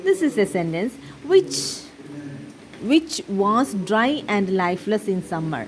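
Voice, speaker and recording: Malayali lady teaching english grammar real slow, fairly high voice, noisy recording. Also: sing-song. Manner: slow, deliberate English; asks and answers her own questions. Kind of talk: classroom explanation mixing English and Malayalam.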